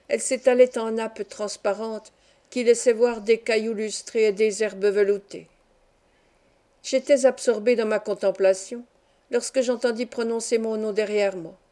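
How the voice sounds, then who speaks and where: A woman reading a classic novel aloud as an audiobook, in a calm, even storytelling manner. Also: a little high. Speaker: audiobook reader. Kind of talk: scripted narration of a classic novel.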